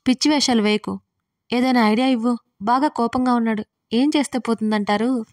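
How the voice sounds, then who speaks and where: A woman's voice: fairly high pitch, fairly even intonation, brisk, darkish tone, natural voice. A woman voicing a worried young newlywed who turns snappy and sarcastic with her friends. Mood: exasperated. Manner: anxious, then snappy and sarcastic.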